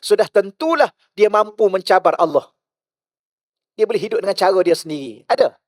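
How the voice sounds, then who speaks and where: A male religious teacher with a Malaysian Malay accent, giving a mosque lecture full of rhetorical questions, shifting between loud and hushed. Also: high-pitched, lively intonation, brisk, no echo, clean studio sound.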